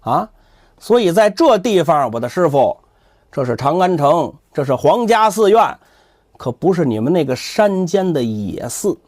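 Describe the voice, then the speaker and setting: A man acts out a haughty young monk in a spoken storybook tale. He is boastful and sneering, talking down to his listener with menace. His pitch swings very widely, and the sound is close and dry. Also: big pitch swings, moderate pace, darkish tone, no echo. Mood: haughty, menacing. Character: smug, threatening young temple monk guarding donation box.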